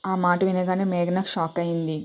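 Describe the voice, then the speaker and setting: A woman's voice: lowish voice, flat delivery, moderate pace, a little hiss or hum. A woman narrating a family drama in a dramatic storytelling style.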